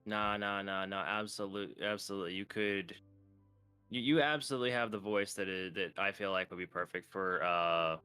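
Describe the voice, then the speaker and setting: A man joining a stream over a voice call, chatting with quiet enthusiasm and stumbling repeats. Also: low-pitched, moderate pace, clean tone, no room sound, faint music behind. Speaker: guest on a voice call. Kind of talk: casual stream chat.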